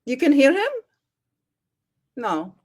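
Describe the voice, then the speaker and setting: Lively woman moderating an online panel. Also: high voice, slow pace. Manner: lively, laughs often, stumbles and restarts. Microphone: video call.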